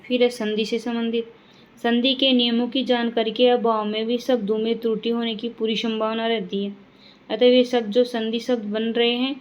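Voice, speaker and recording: Woman teacher, higher voice, reads word lists with brief reminders; muffled, lo-fi sound. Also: a little mellow. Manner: reads words one by one, adds quick reminders to students. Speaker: Hindi grammar teacher. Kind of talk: classroom lesson reading word lists.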